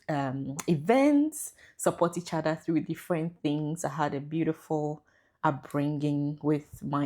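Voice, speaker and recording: A woman with a Ghanaian English accent speaks as a podcast guest. Her voice sits low, and she tells her story in a warm, thoughtful way. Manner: warm, reflective storytelling with laughs. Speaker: guest researcher. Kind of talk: podcast interview.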